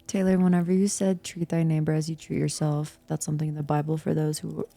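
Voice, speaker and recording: A woman's voice: low voice, little pitch movement, fast, creaky, mellow, soft background music. A woman in a casual spiritual chat, speaking in a reflective, searching way with many fillers.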